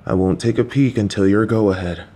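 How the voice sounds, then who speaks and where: A man with a lowish, warm, natural voice speaks at normal speed. He voices a supportive, patient and slightly clueless middle-aged father in an audio roleplay directed at the listener, calmly coaxing and reassuring his child while slipping in jokey asides.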